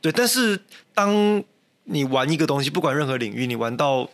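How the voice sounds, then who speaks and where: A man's voice: a little high, normal speed, fairly bright tone. A young man with a Taiwanese Mandarin accent, a mountaineer guest talking casually and thoughtfully, with many restarts and a self-deprecating manner. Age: young adult. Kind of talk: casual interview talk.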